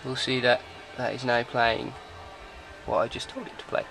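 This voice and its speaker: Over music and on poor audio, a man with a gravelly, medium-pitched voice talks at a moderate pace in a flat way. As a car audio installer, he casually walks through a product demo off the cuff, in and around a parked car.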